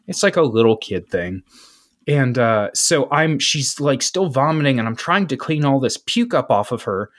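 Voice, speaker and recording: A man's voice: animated, moderate pace, fairly bright tone. A man co-hosting a podcast, telling a long story in casual chat with lots of fillers and restarts. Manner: rambling storyteller, lots of filler and restarts, swings pitch for quoted voices. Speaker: podcast co-host.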